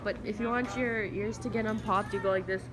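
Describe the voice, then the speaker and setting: A young woman, vlogging in casual chat, excitable and teasing, laughing often. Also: mid-range voice, a little fast. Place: city tower and downtown streets, indoors and out. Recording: crowd chatter and street noise.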